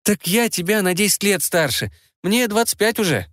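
A man puts on a sharp-tongued enchanted frog in a storybook, really a young woman of twenty-five, pitched well above a man's usual voice. She scolds and bosses in a lively, swooping voice, recorded close and dry. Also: normal speed, no echo. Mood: exasperated. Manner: bossy, exasperated, high-pitched. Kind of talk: audiobook character voice.

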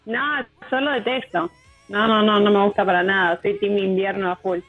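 A woman in her thirties with an Argentine accent, a musician guest talking in a relaxed, hesitant way with many fillers. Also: medium pitch, moderate pace. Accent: Argentine Rioplatense. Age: 30s. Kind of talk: casual radio interview. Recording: tinny phone line with music bed.

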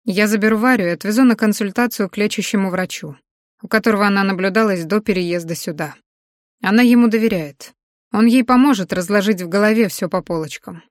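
A woman reading the part of a gruff, stern husband in an audiobook, voice lowered and curt. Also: fairly quick, no room sound, clean studio sound, close to an everyday voice. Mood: quiet.

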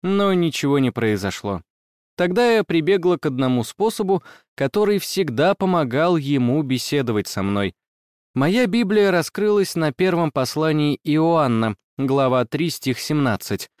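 A man narrating a first-person story in a measured, even reading. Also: on the high side, smooth, no echo, studio quality.

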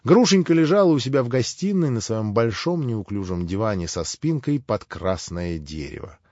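A man reading a classic novel aloud with measured, expressive narration. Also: mid-range voice, no echo. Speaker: audiobook narrator. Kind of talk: literary audiobook narration. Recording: dry, slightly dull lo-fi.

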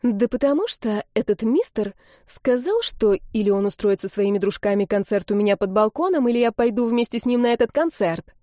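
A woman voicing a prim, furious young woman who scolds and shouts in an audiobook. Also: fairly high pitch, lively intonation, a little fast, no room sound, clean studio sound, lightly acted. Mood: indignant.

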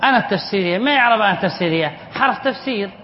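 High-voiced sheikh teaching spelling, roomy recording. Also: male voice, lively intonation, rapid-fire. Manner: asks the class questions and answers them himself, repeats examples. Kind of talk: classroom lesson reading and explaining a text. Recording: muffled roomy lecture recording with faint hiss.

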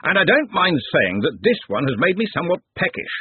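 A bluff, hearty old head wizard, as a male reader puts him on, raised in pitch and lively in tone. He sounds husky, and the dry, narrow sound is like a phone line. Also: brisk, no echo, heavily acted.

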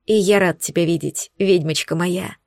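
A woman reading the part of a devoted incubus husband, delivered softly and unhurried. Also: lowish voice, no echo, clean studio sound, close to an everyday voice. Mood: joyful.

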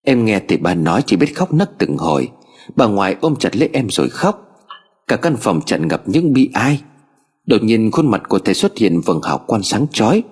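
A man narrating a ghost story in an expressive, dramatic reading style. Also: on the low side, normal speed, breathy edge, big-room sound.

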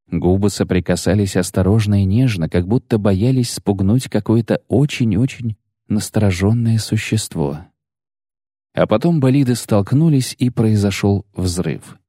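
A man narrating an audiobook in a measured, even storytelling manner. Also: lowish voice, no room sound, clean studio sound. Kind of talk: scripted narration.

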